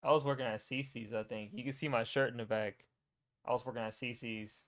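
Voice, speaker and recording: A man's voice: medium pitch, steady tone, brisk, soft background music. A young man casually reacting to his own old videos, teasing and talking to himself. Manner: wry, teasing, talks to himself.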